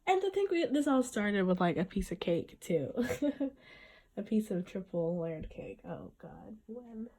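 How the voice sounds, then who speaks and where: A woman's voice: medium pitch, animated, normal speed, few pauses, a little mellow. A young woman with a cold and a nasal voice, chatting casually and rambling on her solo podcast. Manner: chatty, rambling, giggly fan talk. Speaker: podcast host.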